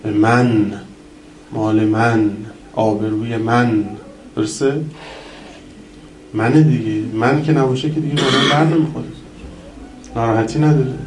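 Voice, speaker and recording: A man giving a religious sermon, telling stories and rising in pitch and volume as he recounts them. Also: steady tone, long pauses, noisy background. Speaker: preacher. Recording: echoey room, mic at a distance.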